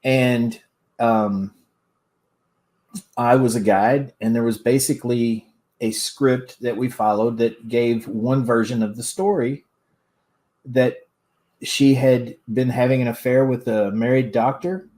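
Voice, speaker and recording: An older man telling a story as a radio guest, in a halting, reflective way. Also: mid-range voice, steady tone, darkish tone. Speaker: radio show guest, former tour guide. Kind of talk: unscripted storytelling.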